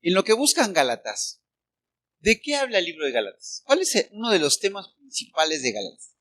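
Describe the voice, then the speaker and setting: A Mexican man preaches a sermon in a ringing, forceful voice. His pitch sits high for a man, and he keeps asking the congregation for agreement. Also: brisk. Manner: animated preaching with rhetorical questions to the congregation. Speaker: pastor.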